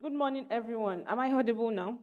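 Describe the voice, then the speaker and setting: A woman with a Nigerian accent, a barrister, reading a guest speaker's biography aloud in a steady, formal manner on a video call mic. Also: fairly high pitch, fast talker, phone-quality sound.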